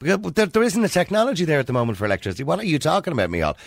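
A man with an Irish accent hosting a combative radio phone-in, argumentative, insistent and quick to interrupt. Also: on the high side, big pitch swings, gravelly, no room sound, studio quality. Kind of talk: combative talk radio debate.

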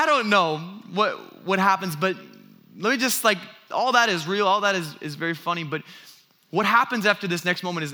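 A man in his thirties preaching a sermon, telling a story about his toddler son with lively, self-mocking energy and frequent restarts before turning earnest. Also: high voice. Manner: animated storytelling with self-deprecating laughs and repeated restarts. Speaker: pastor.

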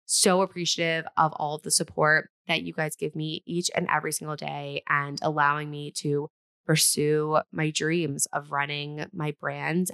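A woman hosting her own podcast, speaking in a tired, slightly winded, raspy voice and chatting in a rambling way that often restarts sentences. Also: low voice, fairly bright tone. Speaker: podcast host. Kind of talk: solo podcast intro then casual chat.

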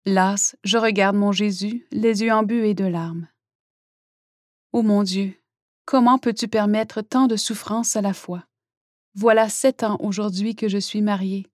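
A woman's voice: medium pitch, darkish tone, dry recording, studio quality. Earnest woman reading a plaintive diary. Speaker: audiobook narrator. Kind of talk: scripted first-person narration of a spiritual diary.

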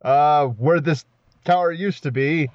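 A man's voice: a little high, measured pace, dry recording. A man playing a tabletop game, role-playing casually, with a slightly dull, close recording.

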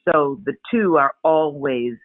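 Woman actor being interviewed, chatty and expressive, sounds like she's on a phone line. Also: low voice, a little slow, no room sound. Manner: expressive, animated storyteller. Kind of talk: casual interview chat. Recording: dry, tinny phone-like line.

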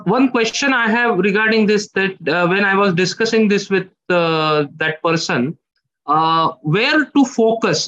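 Man with a high voice, halting and questioning therapist, dull lo-fi recording. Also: sharp tone. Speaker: therapist presenting a case. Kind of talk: professional discussion. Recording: dull lo-fi sound.

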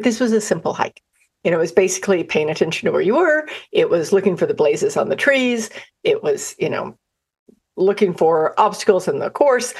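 A woman's voice: lowish voice, husky. A woman who guides outdoor trips, telling chatty personal stories in a self-deprecating way and acting out what people said. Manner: acts out quoted dialogue with lively voices. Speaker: outdoor adventure guide and trainer. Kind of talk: personal storytelling talk.

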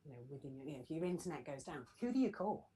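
Animated, husky woman. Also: sits low, very fast, low-quality recording. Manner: chatty and animated, laughs often. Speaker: podcast guest, business coach. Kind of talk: casual podcast conversation.

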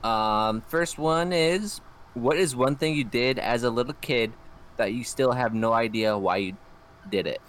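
A man's voice: mid-range voice, unhurried, a bit bright. A young man with the hiccups co-hosting a podcast, moving the casual chat on to listener questions. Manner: steers the show along. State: has the hiccups. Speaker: podcast co-host.

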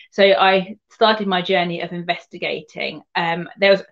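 A woman's voice: fairly low pitch, fairly bright tone, dull audio. A woman from Surrey with a southern English home counties accent, telling her story conversationally as an interview guest, rambling and rephrasing as she goes. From Surrey, England. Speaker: guest, equine sports massage therapist.

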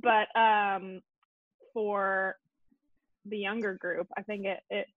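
A young woman from Colorado hosting a casual chat, talking quickly and poking fun at herself. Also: medium pitch, flat delivery, no echo. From Colorado, USA. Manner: chatty, quick, self-deprecating. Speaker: podcast host. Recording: tinny phone-like call audio.

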